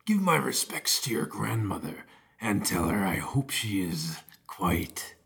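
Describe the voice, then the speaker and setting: Man doing a soft-spoken crafty wolf. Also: very animated, unhurried, gravelly, full character voice. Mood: whispering. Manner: low, soft and whispery. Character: crafty polite male wolf, soft sly voice.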